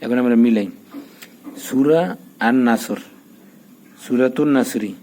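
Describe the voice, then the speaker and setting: A man teaching recitation step by step, patiently spelling out each letter and vowel mark, then slowing into drawn-out chanting. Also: mid-range voice, dark tone, low-quality recording.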